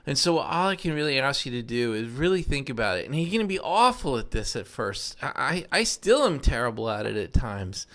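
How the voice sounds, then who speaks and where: A man's voice: medium pitch, big pitch swings, fairly quick, few pauses, fairly bright tone. Earnest man in his fifties. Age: 50s. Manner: earnest, reflective, self-deprecating. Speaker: self-improvement podcast host. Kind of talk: casual motivational monologue.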